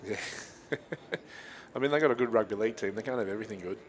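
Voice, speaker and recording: A man with an Australian accent calling drag races from a commentary box, chatty and quick to laugh. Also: lowish voice, slight background noise. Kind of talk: live race commentary.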